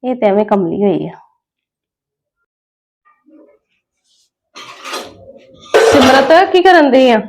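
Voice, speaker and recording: A woman plays a kindly middle-aged lady of the house in a family drama skit. She soothes and gently lectures in a slightly high, even voice. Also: normal speed, very noisy. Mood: musing. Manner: soothing, gently scolding, preachy.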